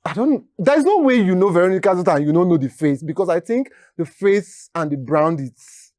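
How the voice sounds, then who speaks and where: Lively woman hosting a podcast. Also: on the low side, fairly quick, dry recording, studio quality. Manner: eager, encouraging, fills in the guest's words. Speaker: podcast host. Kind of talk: casual interview.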